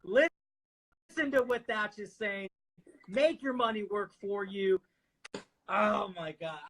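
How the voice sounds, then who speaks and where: High-voiced enthusiastic male host. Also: takes it slowly, a bit bright. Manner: enthusiastic, chiming in with agreement. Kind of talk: casual interview talk.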